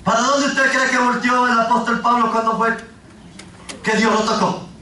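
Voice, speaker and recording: A man preaching a fervent sermon as pastor, often rising to a shout. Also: very high-pitched, steady tone, moderate pace, slight background noise. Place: church. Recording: echoey church hall, from far off.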